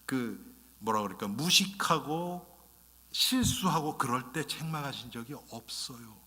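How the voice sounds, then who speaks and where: Pastor guy preaching, bright pushy voice kinda high, big echoey church hall, keeps asking the congregation stuff. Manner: conversational, often addresses the congregation directly; acts out short quoted lines in a raised voice. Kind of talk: sermon. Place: church sanctuary. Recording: long reverb of a church sanctuary.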